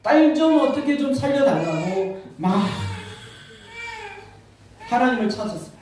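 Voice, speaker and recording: A male pastor giving a sermon, telling a story with rising emotion, repeating words and swelling loud on key lines. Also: very high-pitched, very animated, unhurried, noisy background. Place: church sanctuary. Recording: echoey church hall from far off.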